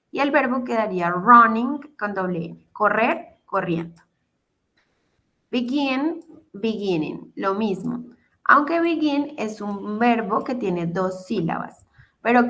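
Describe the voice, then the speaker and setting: A woman's voice: fairly high pitch, fairly bright tone. A woman teaching English grammar in an online class, explaining patiently, repeating each step and checking in with her students. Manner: patient, repeats steps, asks "¿listo?" to check.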